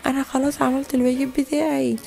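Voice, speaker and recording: Defiant young Egyptian boy, sulky, quick, woman voicing. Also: high voice, little pitch movement, gravelly, a little mellow. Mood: casual. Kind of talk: toy play voice acting.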